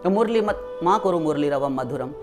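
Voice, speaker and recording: A woman's voice: sits low, lively intonation, moderate pace, over music. A woman preacher voicing a young village wife who pleads and complains to her beloved. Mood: pleading.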